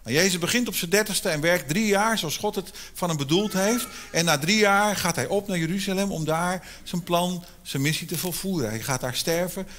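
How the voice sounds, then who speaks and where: A man preaches a Sunday sermon in a church, retelling a Bible story with lively storytelling energy. His voice sits high and sounds bright and sharp.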